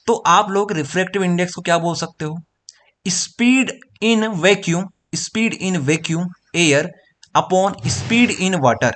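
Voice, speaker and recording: A male physics teacher with a Hindi-speaking Indian accent giving a classroom lecture, slowly repeating each point and checking that students follow. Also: fairly high pitch, fairly bright tone. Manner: repetitive, explains each step slowly and checks understanding.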